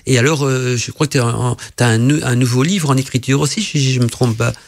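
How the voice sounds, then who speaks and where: A man's voice: medium pitch, fairly quick, a little hiss or hum. A man hosting a talk show, wrapping up and introducing a guest's book in a wordy manner with restarts. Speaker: radio show host.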